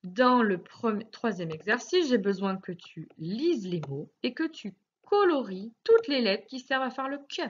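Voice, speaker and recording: A French woman teacher talks a young child through a phonics worksheet, drawing out each word with lively, bouncing pitch. Her pace is slow and deliberate, and the recording sounds a little dull and lo-fi. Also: a little hiss or hum. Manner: slow, clearly articulated, sing-song emphasis on words. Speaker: primary school teacher.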